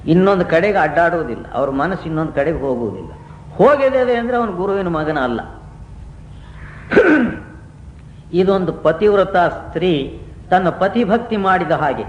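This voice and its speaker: A man giving a devotional discourse to a gathering, telling stories and asking rhetorical questions. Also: high-pitched. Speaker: spiritual teacher. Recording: roomy 1990s satsang recording with faint hiss.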